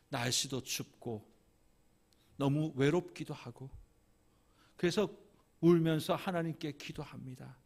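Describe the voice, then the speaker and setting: In a church sanctuary, a senior pastor delivers a Sunday sermon, moving between hushed whispers and loud, emphatic climaxes built on rhythmic repetition. His voice is mid-range with vocal fry.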